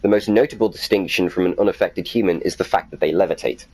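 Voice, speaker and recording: In a low, warm, slightly rough voice, this gaming video host talks quickly while chatting casually. He reads documents aloud in a playfully self-deprecating way, and the audio quality is poor.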